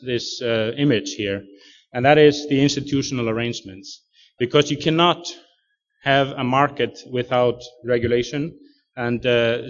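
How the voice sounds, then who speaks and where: Male lecturer from Iceland, halting delivery with fillers, mid-pitched, dull recording. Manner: halting, many fillers and restarts. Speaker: speaker presenting slides. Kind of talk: lecture presentation. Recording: muffled lo-fi recording.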